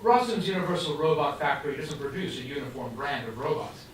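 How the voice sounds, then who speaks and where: A man's voice: on the high side, expressive, fairly quick, natural voice. A man playing a proud, matter-of-fact factory director showing off his robots, in a stage play. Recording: echoey room from far off with noise.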